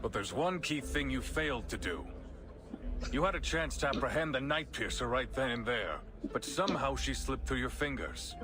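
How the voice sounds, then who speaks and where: An actor playing a stern male deputy police chief in a game, speaking in a firm, measured, authoritative way. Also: medium pitch, expressive, background noise, natural voice. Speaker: game character voice. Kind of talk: voiced game dialogue.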